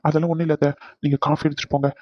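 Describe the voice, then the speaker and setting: A man's voice: a little high, flat delivery, racing, no echo, lightly acted. A man voicing an irritated young husband in a cartoon, exasperated and pleading by turns, on a dull lo-fi recording. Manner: exasperated, pleading then snapping.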